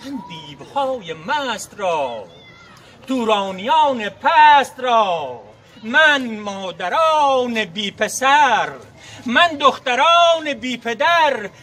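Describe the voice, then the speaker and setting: High, forceful man declaiming epic verse. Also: big pitch swings, a little hiss or hum. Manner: declamatory, dramatic, proud, with forceful swells and drawn-out words. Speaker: storytelling performer reciting epic verse. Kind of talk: theatrical Persian naqqali epic recitation in rhymed verse.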